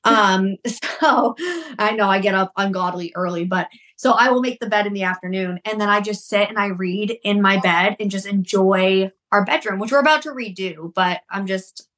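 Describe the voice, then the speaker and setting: A woman's voice: medium pitch, moderate pace, fairly bright tone. A young adult woman co-hosting a casual podcast, chatting in an easygoing, storytelling way. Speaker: podcast co-host. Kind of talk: casual chat.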